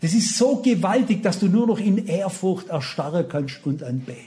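Male preacher, high-pitched, fervent sermon delivery, rhetorical questions, big swings from hushed to loud. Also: lively intonation, moderate pace. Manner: fervent, swings between loud emphasis and hushed low passages; asks the audience rhetorical questions.

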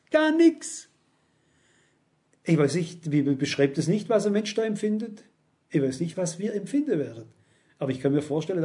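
A man's voice: fairly high pitch, warm tone. A man preaching a sermon, speaking straight to his listeners and citing Bible verses by chapter and number, rising emphatically on his exhortations.

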